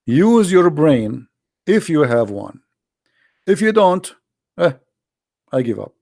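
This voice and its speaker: A native Arabic-speaking man hosts a daily broadcast, delivering a blunt, emphatic livestream monologue aimed squarely at his viewers. His voice is gravelly yet warm, on the high side, and very animated, though he takes it slowly. The sound is dry and close without room echo.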